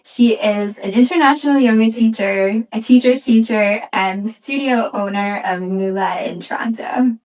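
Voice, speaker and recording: A woman's voice: mid-range voice, normal speed, hardly any pauses, darkish tone, distant mic, poor audio. A woman hosting a podcast interview, asking questions in a friendly, encouraging way. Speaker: podcast host.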